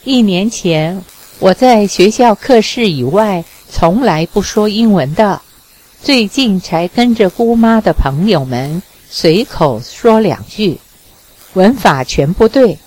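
Woman voicing a shy young girl in a storybook, bashful, slow lines. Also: mid-range voice, expressive, darkish tone. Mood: polite. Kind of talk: audiobook reading.

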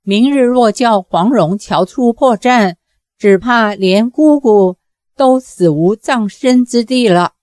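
A woman's voice: a little high, takes it slowly, a little mellow, no room sound, clean studio sound. A woman reading the lines of a tense, suspicious teenage boy with a tight, guarded delivery. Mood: self-reproach.

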